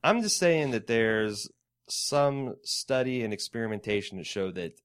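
A man's voice: medium pitch, lively intonation, unhurried. A man co-hosting a casual chat podcast, talking bluntly with plenty of swearing and sarcastic asides. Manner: blunt and profane, sardonic asides. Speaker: podcast co-host. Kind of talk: casual chat, reading a written account aloud.

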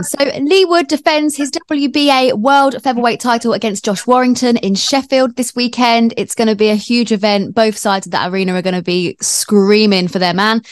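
Female sports show host, Yorkshire accent, fairly high voice, presenter-style interviewing, close dry recording. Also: no room sound. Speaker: host of a boxing prediction show.

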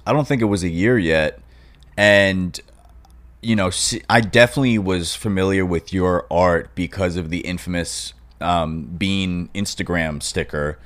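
A man's voice: deep voice, fairly bright tone. A young man hosting a casual interview, talking informally. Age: young adult. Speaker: podcast host.

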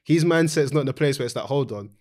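A man's voice: fairly high pitch, racing, darkish tone. A man with a London accent and urban slang hosting a casual panel discussion, insistent and repeating his phrases. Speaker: football podcast host.

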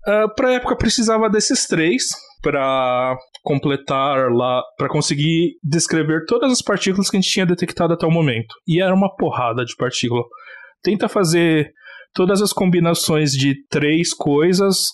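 A man's voice: fairly high pitch, lively intonation, moderate pace. A young man with a Brazilian Portuguese accent, a theoretical physicist co-hosting a casual science podcast, joking, swearing and sounding mock-exasperated.

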